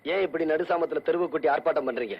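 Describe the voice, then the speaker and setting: Defiant young village hero. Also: male voice, fairly high pitch, very fast, slightly rough. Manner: firm, defiant, commanding. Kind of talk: 1980s film drama acting. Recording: dull old film soundtrack.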